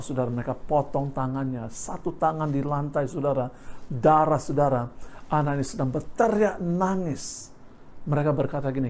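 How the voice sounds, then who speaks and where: A male pastor preaches a sermon in a medium-pitched, slightly mellow voice, constantly addressing the congregation and slowing on key words for emphasis. There's slight background noise.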